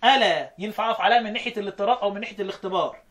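A man with an Egyptian Arabic accent teaching Quran recitation rules, often questioning his students and chanting verses slowly. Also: sits high, a bit bright. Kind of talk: explaining recitation rules in a lesson.

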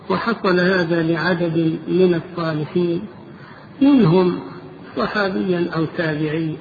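A man preaching a sermon, who retells an old tale and grows louder and higher as the story goes on. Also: vocal fry, slight background noise. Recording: tinny phone-like recording.

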